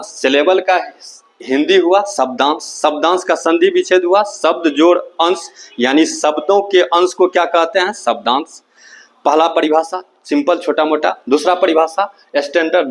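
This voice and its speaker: A male teacher giving a Hindi-language grammar lesson, repeating each definition and spelling words letter by letter, asking questions and answering them himself. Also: fairly high pitch.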